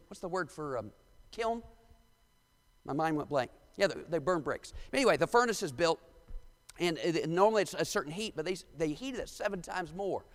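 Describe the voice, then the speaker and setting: In a church sanctuary, a male pastor with a Midwestern American accent preaches a sermon and reads scripture aloud with emphasis. His voice sits high with a fairly bright tone, and the long reverb of the church hall surrounds it.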